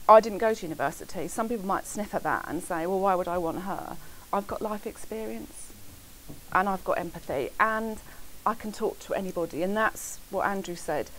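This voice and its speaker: A middle-aged woman barrister giving frank, animated career advice on a panel in a seminar room. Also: mid-range voice, normal speed, a little hiss or hum, low-quality recording. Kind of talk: panel talk to students.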